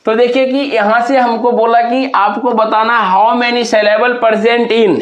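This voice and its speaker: A man's voice: extremely high pitch, reverberant. A male teacher giving an exam prep lesson, explaining step by step and spelling words out letter by letter while asking and answering his own questions.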